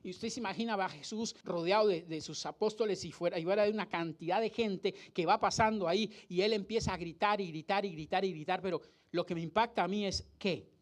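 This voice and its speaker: Pastor preaching with dramatic emphasis. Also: male voice, sits high, fairly quick, hardly any pauses. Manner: dramatic, acts out the crowd and the blind man's cries, rhetorical questions. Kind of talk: sermon. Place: church hall.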